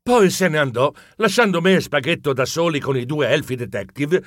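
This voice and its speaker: A man narrating a children's audiobook in an expressive, playful storytelling manner. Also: fairly high pitch, a little fast, no echo, clean studio sound.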